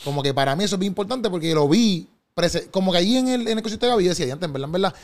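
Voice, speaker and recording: A man's voice: high voice, lively intonation, rapid-fire. A man interviewing in a casual chat, asking long rambling questions and checking he is understood.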